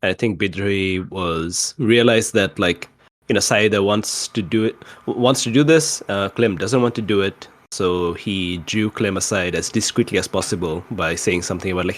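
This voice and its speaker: With a fairly low pitch, this man recounts a tabletop roleplaying campaign from a player's view, casual and halting, often going back to rephrase.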